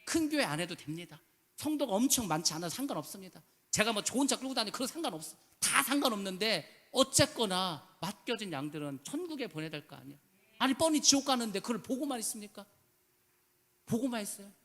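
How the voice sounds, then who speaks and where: Male pastor, high bright voice, rapid emphatic sermon, echoing church hall. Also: sing-song. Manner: emphatic, rhetorical questions, casual speech endings. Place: church sanctuary.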